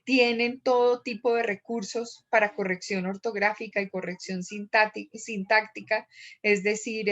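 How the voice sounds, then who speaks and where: A woman's voice: mid-range voice, a bit bright. Woman teacher giving a lecture, lots of ums and ehs, kinda dull muffled audio. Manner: explanatory, with frequent fillers.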